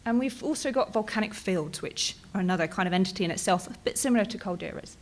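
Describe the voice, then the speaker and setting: Expressive and fast, with medium pitch, this woman in her thirties presents her research at a conference. Her British accent comes from Bristol, England, and her easygoing delivery is full of ums and "right?"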